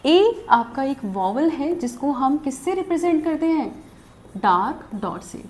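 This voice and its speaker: Young woman explaining a lesson, high voice that jumps around a lot, patient. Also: very animated, measured pace, darkish tone. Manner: patient, explanatory, repeats "theek hai". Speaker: shorthand teacher. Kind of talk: recorded lesson.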